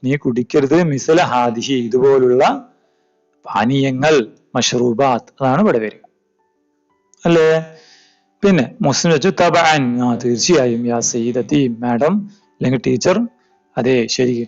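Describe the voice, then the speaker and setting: A man, teaching as he goes through an exam paper. He reads lines slowly, then explains them quickly and asks his pupils questions. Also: mid-range voice, a little mellow. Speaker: Arabic teacher. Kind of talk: exam paper walkthrough lesson. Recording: slightly dull audio with faint background music.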